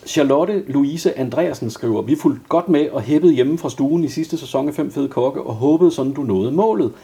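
A man interviewing a guest and reading out viewer questions in a calm way. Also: medium pitch, vocal fry.

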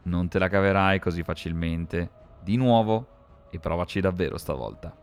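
A man voicing a confident young woman warrior who speaks calmly, patiently and playfully. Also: sits low, normal speed, smooth, faint music behind, close to an everyday voice. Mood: teasing.

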